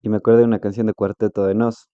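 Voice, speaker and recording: A man's voice: fairly low pitch, flat delivery, rapid-fire, clean tone, no room sound, lo-fi sound. A man hosting an interview podcast, asking rambling questions and backing up his guest with frequent "ujú". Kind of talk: casual interview talk.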